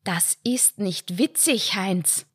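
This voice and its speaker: A woman's voice: mid-range voice, animated, unhurried, dry recording, clean studio sound. A woman reading the lines of a suspicious wife who hisses accusations at her husband. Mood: accusing. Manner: hissing, accusing, threatening. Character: suspicious, sharp-tongued wife.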